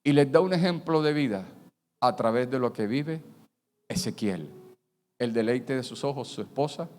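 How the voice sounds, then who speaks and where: A man preaching a sermon as pastor, animated, acting out quoted voices and swinging between loud and soft. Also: mid-range voice, moderate pace, big-room sound, a little hiss or hum. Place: church.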